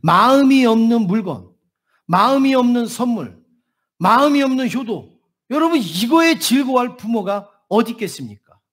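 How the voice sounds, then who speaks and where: A man's voice: very high voice, animated, normal speed, a bit bright. Emphatic man preaching a sermon. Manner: emphatic repetition and rhetorical questions to the congregation. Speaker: pastor. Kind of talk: Sunday sermon.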